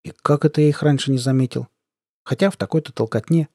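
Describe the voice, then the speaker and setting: Warm-voiced male audiobook narrator. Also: medium pitch, quick pace, no echo, studio quality. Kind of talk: first-person audiobook narration.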